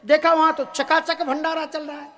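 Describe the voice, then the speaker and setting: High-voiced male preacher telling a sermon. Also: flat delivery, pushed and bright. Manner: storytelling that breaks into slow chanted verses. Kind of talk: devotional katha sermon.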